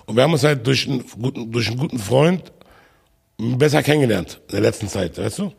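A man's voice: medium pitch, animated, fast talker, creaky, slightly rough. A man guesting on a podcast, chatting casually and joking boisterously with a lot of laughter.

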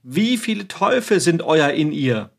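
Man doing a stern commanding exorcist priest, preaching, scolding, voice rising higher, audio drama reading. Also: big pitch swings, measured pace, gravelly, full character voice.

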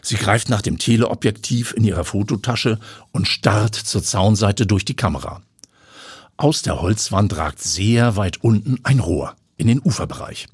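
A man reading a story aloud with vivid, expressive storytelling. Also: fairly low pitch, unhurried, husky, no room sound, studio quality. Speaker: narrator.

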